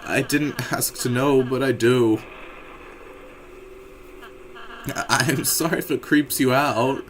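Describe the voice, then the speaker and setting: Dude voicing a shy soft goat boy prince, slow, stuttery, keeps apologizing. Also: mid-range voice, steady tone, slight background noise, close to an everyday voice. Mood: sad. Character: gentle timid young male goat prince.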